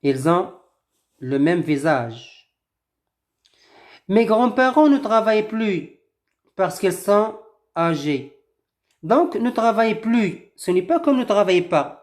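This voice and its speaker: A woman teaching at a very slow, careful pace, pausing between short phrases. She explains vocabulary patiently and restates each word several ways until it is clear. Her voice sits in a middling pitch. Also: expressive, darkish tone. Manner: slow and deliberate, repeats and rephrases words with several synonyms. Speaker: French teacher. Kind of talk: slow explanatory lesson, reading a text aloud and explaining words.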